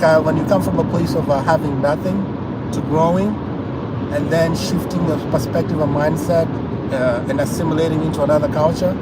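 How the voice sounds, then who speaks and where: A man's voice: fairly high pitch, recorded from a distance. A middle-aged Kenyan man chatting on a livestream from his car, rambling with lots of fillers. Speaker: vlogger. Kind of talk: casual livestream talk. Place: in a car on the road. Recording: loud road noise.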